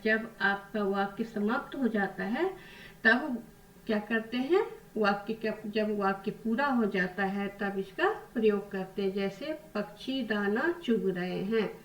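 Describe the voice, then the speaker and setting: Woman teacher, patient, echoey distant mic. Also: on the high side. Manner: patient, asks questions and answers them herself. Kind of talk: Hindi grammar lesson.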